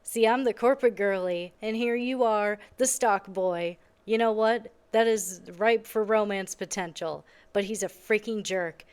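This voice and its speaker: A woman's voice: medium pitch, measured pace, few pauses, darkish tone, smooth. A young woman giving casual, sarcastic commentary while she plays a game, often sounding exasperated. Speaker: gaming video creator.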